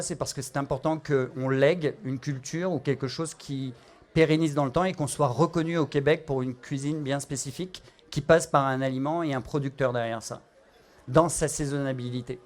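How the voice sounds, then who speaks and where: A middle-aged man with a Parisian French accent, a chef explaining a cooking demonstration, with frequent fillers and restarts. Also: mid-range voice. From France.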